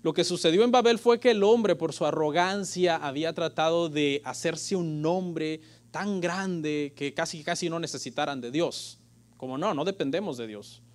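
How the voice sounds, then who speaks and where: Pastor, man, middle-aged, fairly high voice, lively church sermon. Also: normal speed. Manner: lively preaching, addressing listeners as "hermano"; jokes with the congregation.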